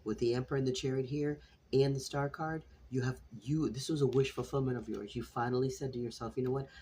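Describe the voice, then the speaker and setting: A man's voice: mid-range voice, steady tone, brisk, mellow, slight background noise. A man doing a freestyle tarot reading for his viewers. He talks casually, with lots of restarts and repetition, some swearing, and he calls his listeners "sweetheart" and "collective". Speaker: tarot reader.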